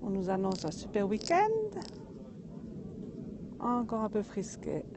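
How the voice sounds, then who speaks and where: A woman hosting a live vlog outdoors in a mountain village. She greets viewers and reads a short tale in a chatty, unhurried way. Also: medium pitch, sing-song, noisy background. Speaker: vlogger and storyteller. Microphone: phone or camera.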